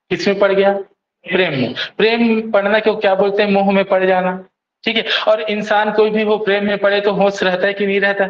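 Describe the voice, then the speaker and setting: A man's voice: high voice, a bit bright. A man teaching an exam coaching class, drilling students with memory tricks and constantly asking if they follow. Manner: repeats questions to students, keeps asking "theek hai?". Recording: echoey room, dull lo-fi sound.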